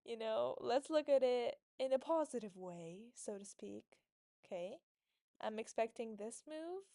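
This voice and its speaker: A woman's voice: on the high side, animated, unhurried, vocal fry, warm tone, no echo, clean studio sound. A young woman streaming a chess game, talking her moves through aloud in a casual, self-deprecating way and laughing often. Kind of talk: casual live commentary while playing chess.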